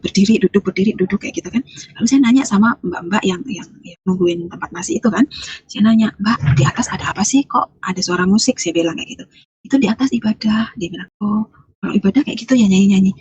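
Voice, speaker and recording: A rapid-fire, deeply husky woman from Lampung tells her personal testimony in an interview, acting out every line of the conversations she remembers. Her breathy voice tumbles ahead with fillers and restarts. The audio is dull and muffled, like a low-fidelity recording. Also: a little mellow, no echo. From Lampung, Indonesia. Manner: retells events by acting out both sides of the dialogue; rambling, with many fillers and restarts. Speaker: guest giving a faith testimony.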